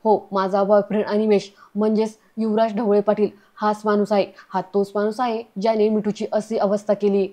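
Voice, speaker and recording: A woman's voice: mid-range voice, little pitch movement, normal speed, few pauses, mellow, lightly acted. A woman reading the lines of a frightened, tearful young woman who keeps pleading, in a serial recap.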